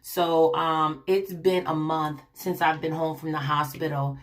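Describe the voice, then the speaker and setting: A young woman vlogging her illness story to camera, rambling with many ums and restarts, her voice raspy from a lingering cough. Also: deep voice, flat delivery, measured pace. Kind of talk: casual personal story to camera.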